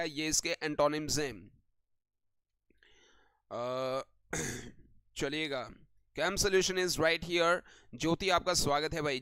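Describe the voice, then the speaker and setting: A man's voice: a little high, a bit bright, smooth, no echo. A man teaching English vocabulary on a live online class, greeting viewers by name and asking and answering his own questions.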